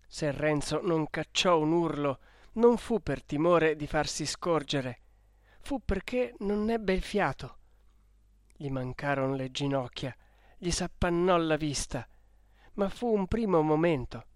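A man narrating a classic novel in a measured, expressive audiobook reading. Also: fairly high pitch, no room sound, studio quality.

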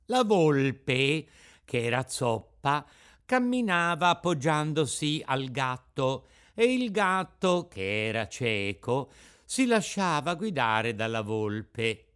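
A man narrating a children's story audiobook in an expressive, varied reading. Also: medium pitch, slow pace, smooth.

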